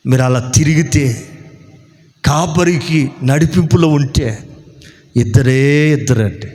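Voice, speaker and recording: A male pastor preaching a sermon with many rhetorical questions, speeding up when he argues and slowing down to stress key words. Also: mid-range voice. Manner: animated preaching, rhetorical questions, slows for emphasis. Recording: long hall reverb.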